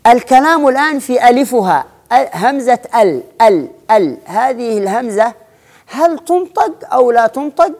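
A man's voice: very high-pitched, expressive, a little mellow. A man giving a spelling lesson, explaining rules patiently, stretching out example words and restarting his phrases. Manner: slow, deliberate, drawn-out example words, frequent restarts. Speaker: Arabic spelling teacher.

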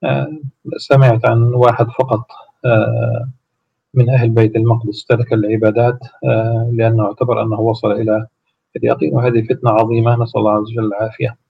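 Gravelly husky man teaching religion. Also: mid-range voice, level tone. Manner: slow, halting explanation with many drawn-out pauses. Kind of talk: recited salutations and religious explanation. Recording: dull lo-fi recording.

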